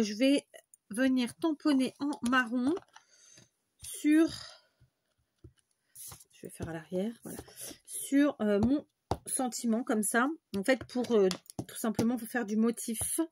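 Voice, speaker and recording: Woman, craft tutorial host, chatty, thinks aloud, faint background hiss. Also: mid-range voice.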